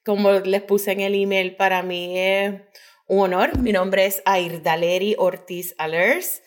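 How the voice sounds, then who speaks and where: A middle-aged Puerto Rican woman, a pediatric dental hygienist, is an interview guest telling her story conversationally. Her mid-range voice keeps a fairly even intonation at a measured pace, and she slips English phrases into her Spanish.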